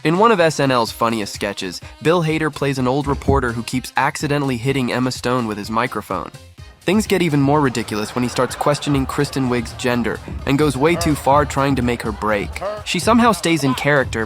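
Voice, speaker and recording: A man's voice: medium pitch, lively intonation, fairly quick. A man reading scripted narration for a compilation video. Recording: music under the voice. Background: background music.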